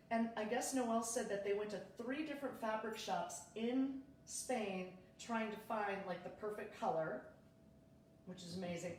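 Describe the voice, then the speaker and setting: A woman's voice: a little high, darkish tone, far from the mic, a little hiss or hum. A woman in her thirties, a realtor chatting casually on a livestream from her kitchen and greeting viewers by name. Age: 30s. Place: home kitchen. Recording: echoey room, from off-mic.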